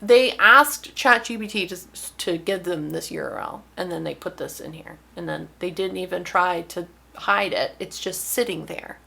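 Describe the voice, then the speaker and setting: A young woman author talking casually to camera in a wry, exasperated way, with lively emphasis. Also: fairly low pitch, normal speed, gravelly. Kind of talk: casual vlog talk to camera.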